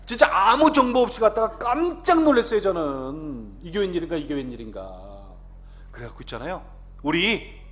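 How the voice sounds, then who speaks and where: A man in his fifties, an announcer, giving a lively testimony to a congregation and often asking the audience questions. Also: a little high, slight background noise.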